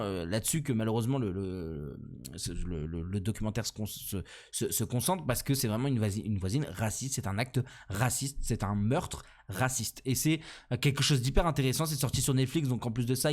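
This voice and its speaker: A man's voice: medium pitch, a little mellow. A young man with a French accent hosting a casual solo podcast, rambling and self-deprecating, with many fillers and restarts. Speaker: podcast host.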